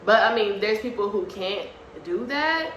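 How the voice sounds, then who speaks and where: A woman in her early twenties co-hosting a casual vlog, blunt and teasing with quick comebacks. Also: mid-range voice, lively intonation, fairly bright tone. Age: early 20s. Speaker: vlog co-host. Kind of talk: casual argument on camera. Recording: echoey room with faint hiss.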